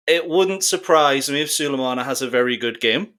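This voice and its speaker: A man's voice: medium pitch, brisk, fairly bright tone. A man who is a guest on a casual football podcast, with an ordinary mid-range voice. He lays out confident analysis with a dry, sarcastic edge.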